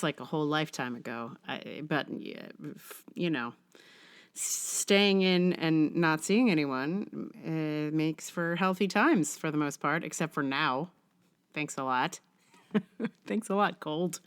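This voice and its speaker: A middle-aged woman with a deep, clear, resonant but congested, cold-affected voice hosts a podcast with wry, conversational humor. After a casual intro, she reads one of her own blog essays aloud.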